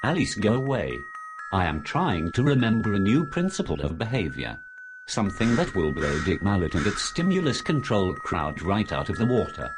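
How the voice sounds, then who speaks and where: A man's voice: fairly low pitch, very animated, normal speed, music in the background. A man playing an absent-minded, brooding professor turning zombie, musing to himself in a scripted comic horror drama. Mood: irritated, distracted.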